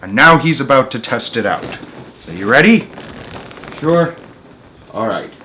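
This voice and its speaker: A man narrates a children's story for a story-time show he hosts, stepping out now and then for casual, conversational remarks about the text. His medium-pitched voice has a sharp tone and big pitch swings, and he reads a little slowly. The audio is poor, with a little hiss or hum.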